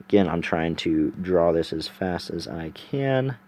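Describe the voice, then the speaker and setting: A man's voice: sits low, lively intonation, unhurried, a little mellow. A man casually retelling a fantasy story while he sketches the scenes, rambling and thinking aloud with many fillers. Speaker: storyteller and artist.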